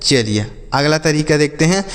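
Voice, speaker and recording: A man's voice: fairly high pitch, normal speed, big-room sound. A man teaching English phonics to children, spelling out letters and repeating each word as a question-and-answer drill.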